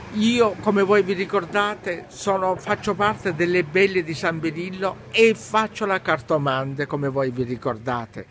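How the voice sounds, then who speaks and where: A middle-aged fortune teller, giving a horoscope to camera in a deliberate delivery with pauses. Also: mid-range voice, a bit bright, a little hiss or hum. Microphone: handheld phone or camera at arm's length.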